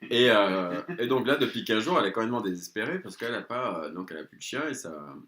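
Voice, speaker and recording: A middle-aged man with a fairly low voice, spinning a funny family anecdote and chuckling through it. He talks in a loose, chatty way. The sound is echoey, as if in a hard-walled room. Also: quick pace. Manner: lively, laughs through his own story. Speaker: storyteller. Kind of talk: comic anecdote told to a listener.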